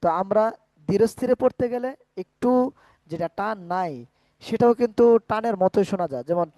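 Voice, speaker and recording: High-voiced man teaching Quran online. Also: dark tone, no echo. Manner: patient, explains step by step, drawn-out chanted recitation examples.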